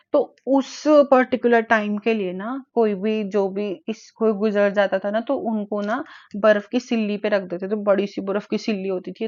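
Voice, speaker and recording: A woman vlogger retelling family stories in a chatty, animated way. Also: mid-range voice, no echo, dull audio. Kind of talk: casual storytelling to camera.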